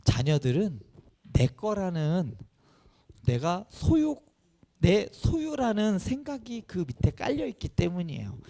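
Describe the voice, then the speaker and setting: Animated pastor questioning children, lively pitch. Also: male voice, measured pace. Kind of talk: children's sermon. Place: church sanctuary.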